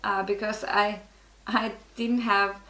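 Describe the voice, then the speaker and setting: Guesting in a casual interview, a middle-aged woman from Norway, who works as a network marketer, speaks English frankly with a Norwegian accent and keeps restarting her sentences. Her mid-range voice is flat, slow, pushed and bright, captured in an echoey room with slight background noise.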